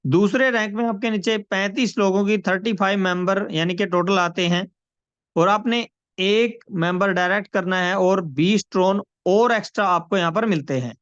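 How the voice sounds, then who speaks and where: A man giving a persuasive sales pitch on a video call, repeating numbers and calling listeners friends. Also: normal speed, a bit bright, no room sound. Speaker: presenter of a money scheme. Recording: dry, dull lo-fi call audio.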